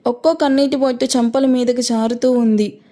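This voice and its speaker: A woman reading an audio story as narrator, calm and even. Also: a little high, normal speed.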